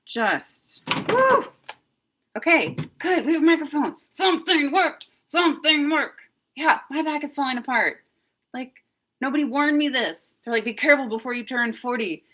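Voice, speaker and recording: A woman's voice: high-pitched, lively intonation, moderate pace, a bit bright. A woman in her thirties chatting casually on a home livestream, self-deprecating and talkative, now and then dropping to a whisper to test her mic. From United States. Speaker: vlogger livestreaming. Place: home kitchen, indoors. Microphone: phone with clip-on mic.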